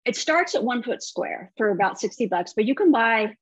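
A woman entertainment correspondent chatting on a TV segment, talkative and quick to laugh, with many restarts. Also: fairly high pitch, very animated, husky, dry recording, low-quality recording. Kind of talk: casual TV segment chat.

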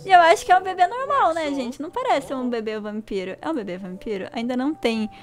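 Chatty high-voiced woman gamer. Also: fast. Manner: chatty, excitable, addresses viewers as gente. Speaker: gaming channel host. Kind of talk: casual let's play commentary.

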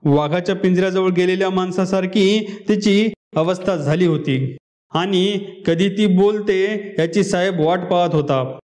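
High-voiced man reading a story aloud. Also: unhurried, darkish tone.

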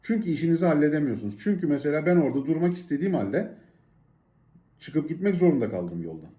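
A man's voice: a little high, very animated, fast, dark tone. Riled-up man venting in an echoey room. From Turkey. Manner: worked-up, keeps inserting "I said" and "she said". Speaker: vlogger living abroad. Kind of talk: storytelling rant to camera.

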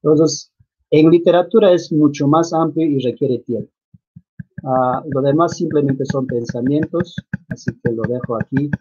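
Man, online lecture, mellow slightly husky voice, muffled video-call sound. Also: on the high side, moderate pace. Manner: explanatory, walks through slide examples, tag questions. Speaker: lecturer on the Quechua language. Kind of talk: virtual conference lecture. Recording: dull lo-fi video call audio.

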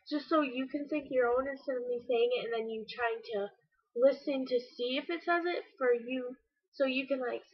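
A woman's voice: high-pitched, slightly rough. Rambling young woman on lo-fi webcam. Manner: rambling, filler-heavy, self-deprecating. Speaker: vlogger. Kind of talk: casual rambling vlog. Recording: dull lo-fi webcam audio.

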